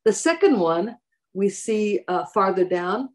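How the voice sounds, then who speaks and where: A woman's voice: medium pitch, big pitch swings, a little mellow. Older woman giving a home devotional. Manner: measured reading, then conversational with hesitations. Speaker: church devotional speaker. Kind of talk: scripture reading and devotional reflection. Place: home room indoors. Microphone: webcam at desk distance.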